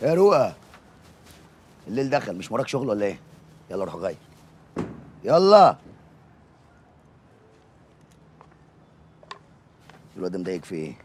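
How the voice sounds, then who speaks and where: A man's voice: deep voice, sing-song, a little mellow, slight background noise. An actor playing a poor, street-smart young man who is brash and mocking in a film comedy. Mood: teasing. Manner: brash, quick-witted, mocking.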